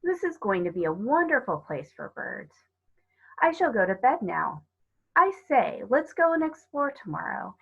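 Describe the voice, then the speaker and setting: Dull recording, woman voicing confident storybook schoolboy, adventurous, eager, emphatic, raised pitch. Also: very animated, moderate pace, vocal fry, a bit bright, husky, full character voice. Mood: eager, excited.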